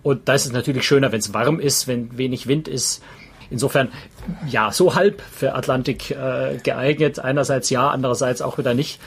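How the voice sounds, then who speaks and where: A man co-hosting a podcast from a ship's cabin at sea, chatting on a video call in a relaxed way, thinking aloud with fillers. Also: mid-range voice, normal speed, gravelly, slightly rough. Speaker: podcast co-host. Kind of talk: casual conversation.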